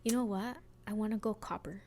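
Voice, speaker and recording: A woman's voice: mid-range voice, fairly quick. A young woman from Guatemala co-hosting a podcast, telling stories animatedly in casual chat and acting out quotes. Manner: animated storytelling, acts out quotes, laughs and swears. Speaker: podcast co-host.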